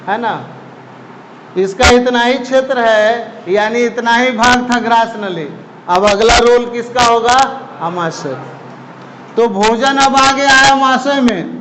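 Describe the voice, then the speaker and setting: High-pitched man teaching slowly. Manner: repeats key terms, asks students questions. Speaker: biology teacher. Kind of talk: classroom lecture. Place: classroom with board. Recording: echoey room, faint background noise.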